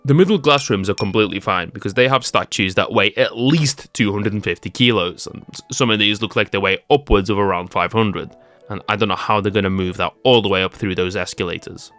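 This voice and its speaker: A man's voice: fairly low pitch, fairly quick, fairly bright tone, soft background music. A young man narrating a scripted tech-comedy video with jokey, sarcastic asides. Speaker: YouTube creator.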